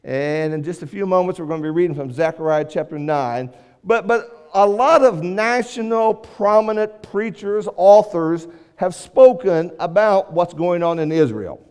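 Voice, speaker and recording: Male preacher, fairly high voice, easy conversational sermon delivery, church hall reverb. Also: a little slow, darkish tone, clean tone. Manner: conversational, repeats and restarts phrases. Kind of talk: sermon lesson to a congregation. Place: church auditorium.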